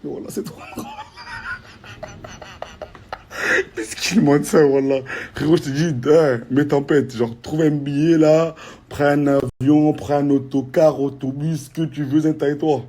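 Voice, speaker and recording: A man's voice: fairly high pitch, fairly even intonation, moderate pace, dark tone. A man with a Marseille French accent, talking in casual slangy chat and teasing a friend with mock warnings. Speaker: vlogger.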